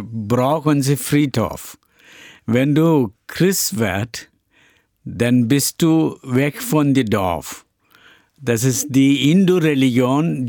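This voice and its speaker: A middle-aged Indian pastor and church planter, a native Tamil speaker, answers interview questions haltingly, with frequent pauses, many hesitations, and simple grammar. His male voice is mid-range, creaky, and a little mellow, recorded in studio quality without echo.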